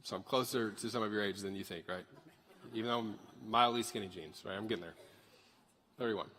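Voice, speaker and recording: This is a man of about thirty, a pastor, whose fairly low voice comes across bright and forceful at a slightly quick pace. He preaches conversationally to a church crowd in a large sanctuary and asks for raised hands, with long hall reverb throughout.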